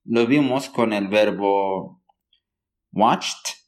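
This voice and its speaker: A man gives a patient, unhurried language lesson at a mid-range pitch. He pauses often to ask whether his listeners are following. He says each example word carefully so learners can repeat it. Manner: models words slowly for learners. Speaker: English teacher.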